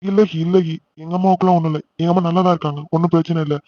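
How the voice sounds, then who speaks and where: A man voices a caring uncle figure in a homemade cartoon, firm and reassuring. He talks fast in a slightly raised voice. The recording is dry and somewhat dull. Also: a little high, steady tone, no room sound, lightly acted. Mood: urgent. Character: Tamil elder brother and uncle, caring and steady. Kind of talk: amateur cartoon dubbing.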